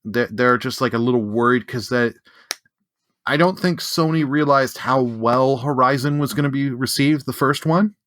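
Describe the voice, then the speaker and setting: A man's voice: medium pitch, normal speed, a bit bright, no echo, clean studio sound. A man, a podcast guest, talking casually and rambling with frequent restarts. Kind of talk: casual chat.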